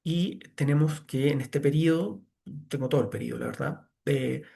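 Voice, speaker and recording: A man's voice: mid-range voice, moderate pace, vocal fry, warm tone. A man giving a screen-share tutorial as an online course instructor, talking conversationally with many "eh" fillers.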